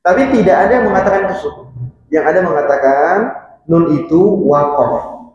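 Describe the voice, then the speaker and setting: A man teaching a mosque study class on Arabic grammar. He explains patiently, repeats key terms and chants verses slowly. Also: on the high side, a crowd in the background. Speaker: religious teacher. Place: mosque hall. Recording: echoey mosque hall, dull lo-fi sound.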